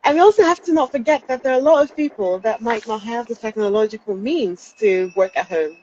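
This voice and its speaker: The guest in this casual interview, recorded outside during lockdown, is a young Dutch trainee counselling psychologist. She talks a little fast in a mellow, somewhat high voice, thoughtfully and with soft laughs and pauses, over lo-fi audio with slight hiss or hum.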